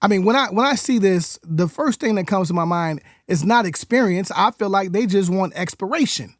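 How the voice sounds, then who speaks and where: A man with a high, lively voice argues about football on a sports podcast, exclaiming and cursing freely. The sound is dry and close to the mic, with no room around it. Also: moderate pace, no room sound. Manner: animated, exclamatory, swears freely. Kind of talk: casual sports debate.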